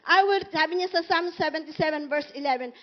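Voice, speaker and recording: A woman pastor preaching a sermon in an animated, emphatic way, full of rhetorical questions, in a muffled recording. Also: high voice, fairly quick.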